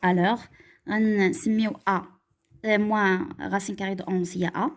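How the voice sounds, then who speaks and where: A woman with a Moroccan accent teaching a math lesson, stepping through calculations and slowing down to read out examples. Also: mid-range voice, steady tone. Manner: switches between French and Moroccan Arabic, slows down to dictate examples.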